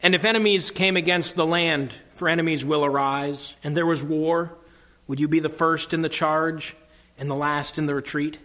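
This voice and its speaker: A man voicing a kingly male lion who speaks in a grave, formal, measured way. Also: a little high, fairly even intonation, pushed and bright. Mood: solemn.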